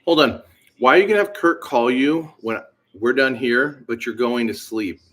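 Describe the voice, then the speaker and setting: Talking to his livestream audience as he works, the owner of a BMX bike shop speaks in a mid-range, fairly bright voice at normal speed. He's relaxed and wandering in his talk, using lots of slang and fillers.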